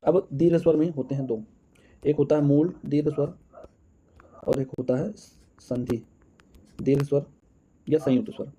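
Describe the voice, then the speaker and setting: A man's voice: on the high side, fairly even intonation, moderate pace, long pauses, mellow, breathy edge, highs cut off. A man teaching an exam-prep lesson, counting out answers aloud and calling his viewers friends.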